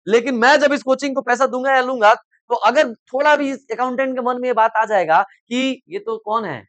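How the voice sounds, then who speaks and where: एक अधेड़ उम्र का पुरुष शिक्षक कोचिंग की कक्षा में छात्रों को लेक्चर दे रहा है। वह आसान हिंदी में रोज़मर्रा के उदाहरण देकर समझाता है और बार-बार छात्रों से पूछता है कि बात समझ आ रही है या नहीं।. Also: male voice, very high-pitched, normal speed, fairly bright tone, dry recording. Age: middle-aged. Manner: repeatedly asks "samajh mein aa raha hai?" and prods students to answer; explains in simple Hindi with everyday examples. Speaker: commerce coaching teacher. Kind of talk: classroom lecture. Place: coaching classroom.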